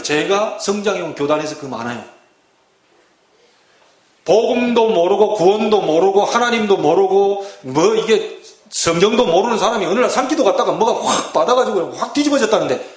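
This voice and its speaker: A middle-aged man preaching a sermon as pastor, acting out scenes with dramatic voices. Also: high voice. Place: church sanctuary. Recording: echoey church hall.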